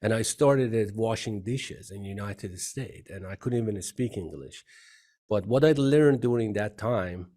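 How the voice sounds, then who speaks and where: A man's voice: on the low side, unhurried, warm tone. A middle-aged man from Iran with an Iranian accent, an earnest CEO guest telling his story in an interview and repeating phrases. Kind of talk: interview conversation.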